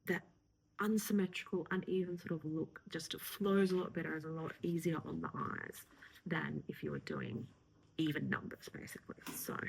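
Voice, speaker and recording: A woman florist talks viewers through her work in a relaxed, encouraging way. Her voice has a gravelly edge, and she often slips into a half-whisper mid-task. Faint noise sits under the recording. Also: fairly low pitch. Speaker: florist teaching a tutorial. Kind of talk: casual instructional talk while working.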